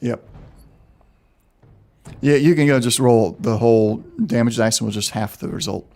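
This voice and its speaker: A man's voice: mid-range voice, moderate pace, a little mellow. A man running a tabletop game as game master, thinking aloud with frequent ums while he checks the rules.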